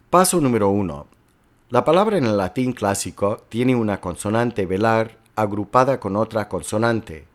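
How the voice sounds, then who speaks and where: A man lecturing slowly and carefully, working step by step through examples as a teacher. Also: on the low side. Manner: slow, careful, explanatory delivery with worked examples. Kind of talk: recorded lecture on historical linguistics.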